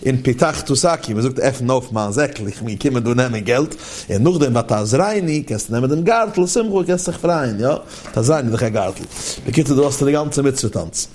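A man's voice: medium pitch, animated, fairly quick, a little mellow, a little hiss or hum. A man teaching a Torah lesson, chanting verses in a singsong and then explaining them. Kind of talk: Yiddish-style Torah lesson on Psalms.

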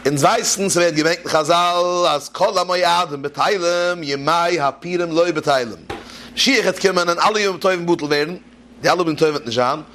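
A man's voice: on the high side, a little fast, a bit bright, slight background noise. A man giving a religious talk, telling jokes and asking rhetorical questions as he teaches. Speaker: preacher. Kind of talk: Yiddish-style Torah talk with jokes.

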